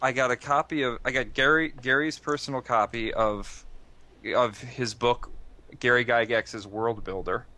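A man co-hosting a podcast in casual chat, speaking in a hesitant, halting way. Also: mid-range voice, steady tone, sharp tone. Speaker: podcast co-host.

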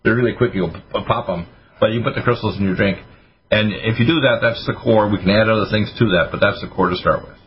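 A man hosting a radio call-in show, giving health advice in a rapid, hyper way. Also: lowish voice. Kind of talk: casual radio call-in talk. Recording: dull lo-fi radio audio with faint hiss.

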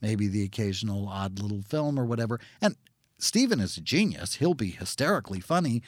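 A man's voice: lowish voice, sing-song, a little fast, dry recording. An American man co-hosting a podcast with casual, opinionated banter and a wry, sardonic manner. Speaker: podcast co-host.

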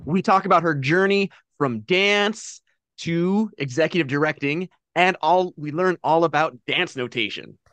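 A man's voice: a little high, a little slow, fairly bright tone, no room sound. A man co-hosting a podcast, easygoing and conversational. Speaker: podcast co-host. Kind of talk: casual podcast chat.

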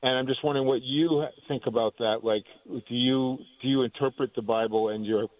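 A man from Maine calling in to a radio show over the phone, talking in a halting way as he searches for words. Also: medium pitch, fairly even intonation. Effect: heard over the phone. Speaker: caller. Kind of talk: call-in radio chat. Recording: tinny dry phone line.

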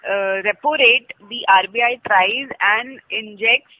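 A woman, co-hosting a casual podcast and calmly explaining economics. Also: fairly high pitch, unhurried. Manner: calm, explanatory, laughs often. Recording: dull lo-fi audio.

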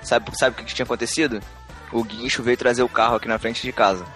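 Fast-talking man telling a story. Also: mid-range voice, faint music behind. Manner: animated, laughs often, repeats words. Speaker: podcast co-host. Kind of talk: casual storytelling chat.

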